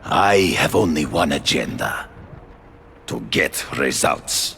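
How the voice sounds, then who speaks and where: An actor playing a proud, self-righteous big-game hunter in a video game, with a gravelly voice and hammy, theatrical, formal delivery. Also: male voice, rumbling low, animated, slow, bright, forceful tone, a little hiss or hum, full character voice. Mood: righteous, disdainful.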